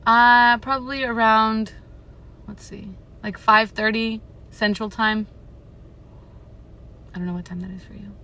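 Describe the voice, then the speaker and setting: A woman in her 20s reads a book on her livestream, then talks casually and rambles with viewers, sprinkling in many filler words. Her medium-pitched voice comes across pushed and bright.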